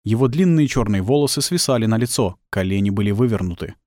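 A man narrating an audiobook in a tense, expressive storytelling manner. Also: fairly low pitch, fast talker, dry recording. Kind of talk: dramatic scripted narration. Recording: dry close studio sound.

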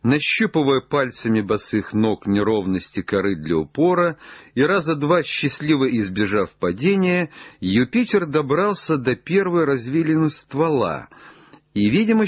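A man reading an audiobook aloud in an expressive, dramatic style. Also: medium pitch, measured pace, slightly rough, no echo, lo-fi sound. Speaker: audiobook narrator.

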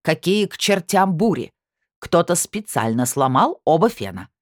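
A woman's voice: low voice, big pitch swings, a little fast, no room sound, clean studio sound. A woman reading an audiobook, voicing an imperious, grumpy older woman who snaps and barks. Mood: indignant. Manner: loud, snapping, indignant.

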